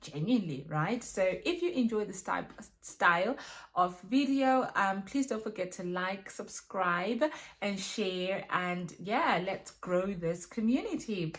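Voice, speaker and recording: An adult woman from Zimbabwe, a mother and women's ministry leader, chats casually in a self-filmed Q&A recorded on her phone. Her medium-pitched voice is animated but unhurried, full of fillers and tag questions.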